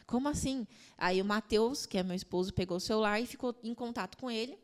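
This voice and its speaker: A woman's voice: mid-range voice, fast talker. A young adult woman, a podcast guest, retelling a painful personal story with lots of quoted dialogue.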